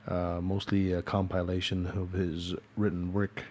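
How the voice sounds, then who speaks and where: A man with a Filipino accent hosting an interview podcast, giving a formal, measured introduction of his guest. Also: deep voice, monotone, a little mellow, a little hiss or hum. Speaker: podcast host.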